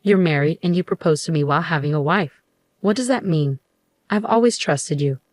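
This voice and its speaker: A woman playing a betrayed young woman whose voice trembles with hurt. The reading sits fairly low and sounds dry and close. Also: a little fast, darkish tone, no room sound, lightly acted.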